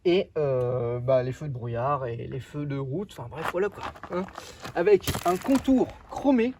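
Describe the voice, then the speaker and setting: A man's voice: mid-range voice, lively intonation, a little slow, background noise. A young man casually showing off his car outdoors, joking and rambling with lots of fillers. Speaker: car vlogger.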